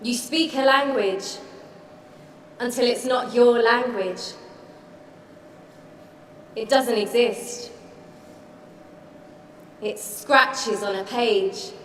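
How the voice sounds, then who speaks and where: A woman reciting a scripted spoken-word monologue in a measured, rhythmic way. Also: fairly high pitch, fairly even intonation, roomy sound, in a large hall, recorded from a distance, a little hiss or hum.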